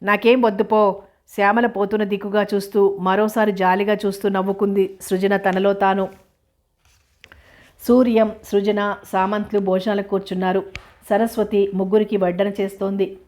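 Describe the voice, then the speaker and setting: Woman, audiobook narrator, flat even pitch, middle voice, steady novel reading. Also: normal speed.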